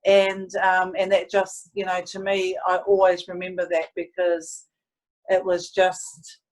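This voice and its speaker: Earnest Antipodean woman, even-toned. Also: on the low side, unhurried, low-quality recording. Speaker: interviewee, sports team staff member. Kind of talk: casual storytelling interview.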